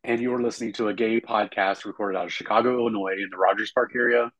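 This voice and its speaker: A man with a low, husky voice chats loosely on a podcast, joking and swearing freely. A broken microphone makes him sound tinny and boxed in, like he is inside a tin can. The sound is dry, with no room around it. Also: fairly even intonation, fast talker, fairly bright tone, dry recording. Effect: tinny sound from a faulty microphone, like talking in a tin can. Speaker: podcast co-host. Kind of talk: casual chat.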